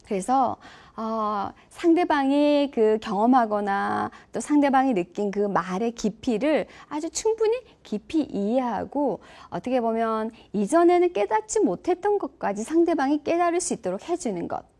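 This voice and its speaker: Animated female lecturer, questioning her audience. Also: a little high, moderate pace, hardly any pauses. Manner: engaging, asks audience questions. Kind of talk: online lecture on empathy.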